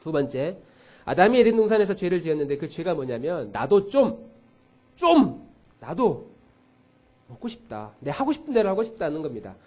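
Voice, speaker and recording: A man's voice: fairly high pitch, moderate pace, pauses often. A middle-aged male pastor preaching a sermon in a church, telling stories with acted-out quotes and speaking straight to his congregation. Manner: animated storytelling with acted quotes; addresses congregation directly. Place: church sanctuary.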